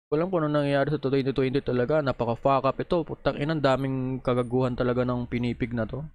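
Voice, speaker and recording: A man's voice: medium pitch, fairly even intonation, fast talker, darkish tone. A man reacting on video in a heated, profane, scolding rant, talking straight into a close microphone. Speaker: video creator reacting to posts.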